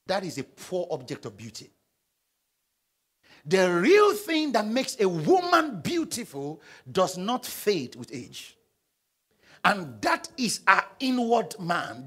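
A young Nigerian pastor preaching from a church stage, his fairly high voice leaping up and down as he calls out to the congregation. The tone is a bit husky, and he swings between loud stressed lines and quiet asides while pacing with a handheld mic. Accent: Nigerian English. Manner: call-and-response preaching, prompting the congregation to read aloud. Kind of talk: sermon. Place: large church auditorium stage.

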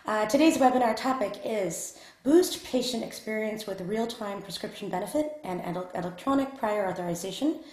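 A woman's voice: mid-range voice, animated, normal speed, hardly any pauses, a little mellow. Woman hosting a webinar, roomy sound. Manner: polite, formal, with frequent fillers. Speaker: webinar host. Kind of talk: webinar introduction.

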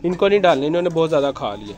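A man with a slightly high voice talks rapid-fire with big swings in pitch as he films his rooftop chickens on a handheld phone. In casual narration, he gently instructs the children feeding the birds by the coops, frequently coaxing them along.

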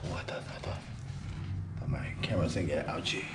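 A man's voice: low voice, steady tone, a little fast. A man exploring an abandoned powerhouse at night, chatting casually and cracking wry jokes into a handheld camera. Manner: wry joking remarks. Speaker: urban explorer. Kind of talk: casual chat while exploring. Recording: echoey building with noise.

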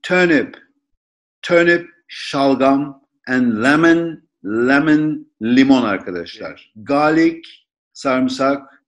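Give me a man teaching vocabulary at a very slow pace, repeating each word clearly for pronunciation practice. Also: mid-range voice, expressive, muffled recording. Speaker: English teacher. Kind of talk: vocabulary lesson narration.

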